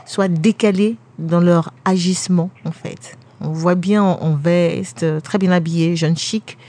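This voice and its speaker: Insistent deadpan woman, prank caller. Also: lowish voice, a little slow, slight background noise. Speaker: radio prankster posing as recruiter. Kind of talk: prank phone call. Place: radio studio.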